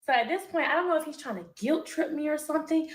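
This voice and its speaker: A young woman, telling a personal story to her viewers in a candid, animated, profane way. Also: sits high, quick pace. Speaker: vlogger. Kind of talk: storytime vlog.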